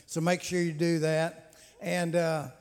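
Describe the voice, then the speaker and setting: A conference host runs a church men's gathering, giving announcements and testimony in a folksy, repetitive style packed with "uh" fillers. His voice is slightly high, slow, clear and resonant, with little pitch movement. The large hall gives the recording a long, reverberant sound.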